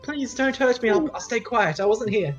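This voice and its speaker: A frightened servant woman in a tabletop game, played by a man, pleading in a high, timid voice. She sounds nervous and eager to stay out of trouble. The audio is slightly dull, with music underneath. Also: big pitch swings, a little fast.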